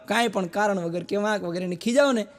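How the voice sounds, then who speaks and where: A man's voice: high-pitched, fast. A man with a Gujarati accent doing stand-up, telling jokes and stories in a chatty way with asides to the audience. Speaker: stand-up comedian. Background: audience laughter.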